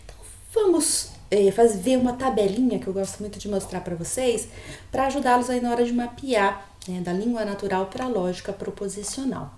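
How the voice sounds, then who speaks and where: A woman's voice: medium pitch, a little fast, dark tone, echoey room. A woman giving a logic lecture, patiently explaining and often checking in with her students. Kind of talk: recorded online lecture.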